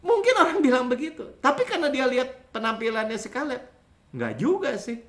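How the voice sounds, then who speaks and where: A man preaching a sermon as pastor, in a lively conversational way, acting out other people's voices. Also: very high-pitched, brisk.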